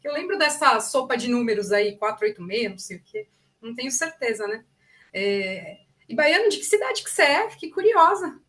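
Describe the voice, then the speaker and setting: A woman's voice: a little high, very animated, brisk, a bit bright. A woman joining a casual online group session, chatty and friendly, who says she arrives wound up.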